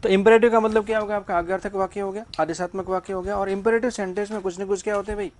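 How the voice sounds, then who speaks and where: A man's voice: high-pitched, fairly even intonation, rapid-fire, slight background noise. A man teaching English grammar to a class. He keeps asking the students questions and then answers them himself.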